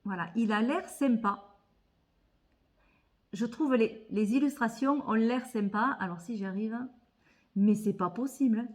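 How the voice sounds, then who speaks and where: A woman who vlogs about tarot and oracle cards talks through a casual haul of tarot decks, unhurried and with long pauses. Her voice is on the high side and a little mellow, and she thinks aloud, frequently repeating words as she hesitates.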